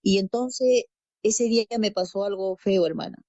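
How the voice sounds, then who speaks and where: A woman's voice: mid-range voice, normal speed, dark tone, dry recording, highs cut off. A woman from Peru telling her conversion testimony as a guest, storytelling and acting out quoted dialogue, repeating phrases. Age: adult parent. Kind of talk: personal faith testimony.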